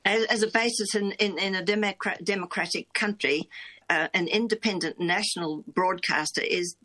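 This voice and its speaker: Speaking at a moderate pace in a mid-range voice that sounds pushed and bright, this radio interview guest is a woman in her nineties from New Zealand. She helped found a broadcaster supporters' group, and her talk wanders reflectively with many restarts.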